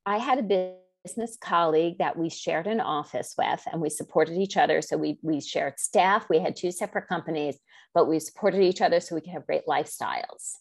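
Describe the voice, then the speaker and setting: A middle-aged woman with a fairly low voice tells her story in an interview, rambling through asides and restarts. She acts out the dialogue she quotes, leaping much higher in pitch. The sound is dry and close. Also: a little fast, gravelly, no echo. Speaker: guest.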